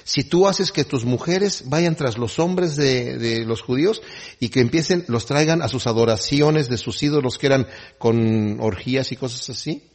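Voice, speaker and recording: Brief: scheming male seer, quiet and confiding, husky, played by a man. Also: mid-range voice, normal speed, lightly acted. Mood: conspiratorial.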